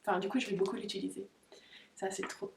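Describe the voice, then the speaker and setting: A young woman vlogging an unboxing of dog toys in a casual, excitable, giggly way, breaking off to talk to her dogs. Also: medium pitch, fast, vocal fry, a little hiss or hum. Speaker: pet vlogger. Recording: roomy, distant camera audio.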